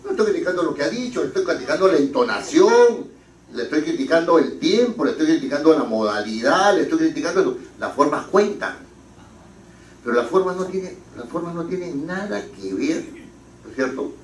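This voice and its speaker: Lively male lecturer in an echoey hall. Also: on the high side, a little fast, far from the mic, a little hiss or hum. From Peru. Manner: lively, rhetorical questions, anecdotes. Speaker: parliamentary writing instructor. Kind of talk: classroom lecture.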